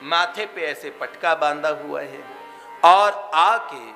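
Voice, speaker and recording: A man telling a devotional story as a sermon, animated and acting out voices. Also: on the high side, slow, gravelly. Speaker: spiritual storyteller. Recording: reverberant hall, faint music behind.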